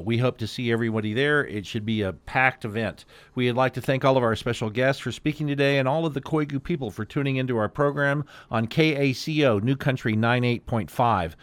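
A man hosts a community radio program, reading announcements in a mid-pitched, smooth voice. The sound is dry and close, with crisp words. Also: no echo. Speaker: radio show host.

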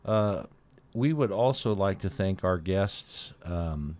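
A man hosting a community news update, giving semi-formal announcements in a deliberate, matter-of-fact way with frequent pauses. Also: sits low, lively intonation, darkish tone.

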